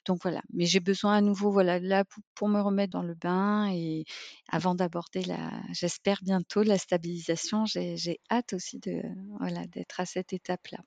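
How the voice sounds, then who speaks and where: A woman giving testimonial answers in an interview, speaking in a halting, thoughtful way with frequent fillers. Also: on the low side, fairly even intonation, vocal fry, darkish tone, dry recording, lo-fi sound. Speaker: program client giving a testimonial.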